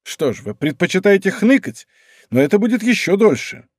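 A man voicing a bold, teasing musketeer captain who talks in a brisk, rough-affectionate way. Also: high voice, sing-song, no echo, clean studio sound, pitched above the performer's own voice. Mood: bantering.

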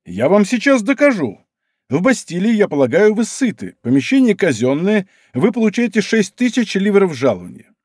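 A man voicing a bold, teasing musketeer captain who talks in a brisk, rough-affectionate way. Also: high voice, sing-song, darkish tone, no echo, studio quality, voice pushed up. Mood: bantering.

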